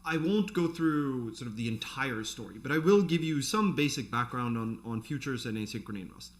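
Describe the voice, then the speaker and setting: A man's voice: medium pitch, lively intonation, fairly quick. A man giving an informal programming tutorial, thinking aloud in a conversational way as he explains. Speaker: programming instructor. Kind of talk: informal live coding tutorial, explaining off the cuff.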